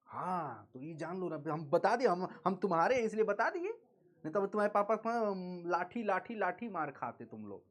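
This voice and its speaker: A man's voice: high-pitched, sing-song, moderate pace. A male teacher, leading a live online class in a playful, teasing way and drilling students with call-and-response chanting.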